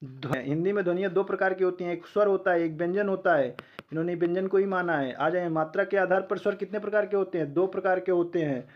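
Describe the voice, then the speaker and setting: High-voiced man teaching an exam-prep lesson. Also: highs cut off. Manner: drills learners with questions he answers himself; sounds out letters slowly one by one.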